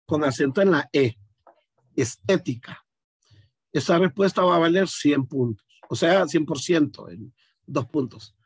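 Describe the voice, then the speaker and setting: A man teaching a class, explaining each step out loud and stopping to ask his students questions. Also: a little high, moderate pace, breathy edge, no echo, clean studio sound. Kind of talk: online class demonstration.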